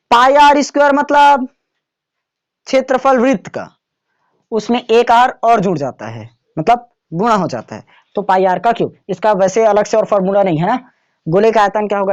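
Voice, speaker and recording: A man with a fairly high voice teaches a maths lesson in a classroom. He talks casually and keeps stopping to ask whether the students are following.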